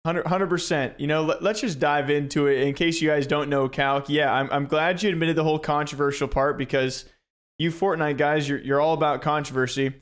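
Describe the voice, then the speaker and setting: A man from Iowa runs an interview in a fairly high voice. He ribs his guest with mock exasperation. His questions come in quick, loose banter. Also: fairly even intonation, clean tone. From Iowa, USA. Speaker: interviewer, host. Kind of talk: casual interview.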